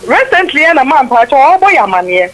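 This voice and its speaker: A Ghanaian-accented woman calling in on the phone, explaining herself in a measured, defensive way. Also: sits high, sing-song, fairly bright tone, soft background music, rough recording. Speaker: caller, the footballer's sister. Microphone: phone line.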